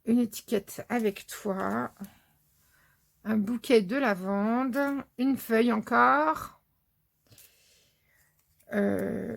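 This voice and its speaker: Chatty French woman, gravelly voice. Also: fairly high pitch. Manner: chatty, fillers like euh and hop, thinking aloud. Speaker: scrapbooking vlogger. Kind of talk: casual haul video.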